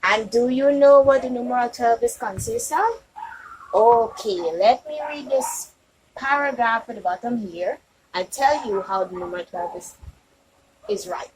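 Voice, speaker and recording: A woman's voice: fairly high pitch, unhurried, darkish tone. A woman teaching small children in a kids show host manner, sing-song, asking questions and answering them herself, on a noisy home recording.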